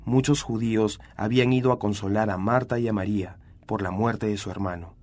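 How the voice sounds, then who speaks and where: A man reading scripture aloud, with a steady and even delivery. His voice sits somewhat low. He keeps a calm, narrating tone throughout. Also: a little fast. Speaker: Bible reader.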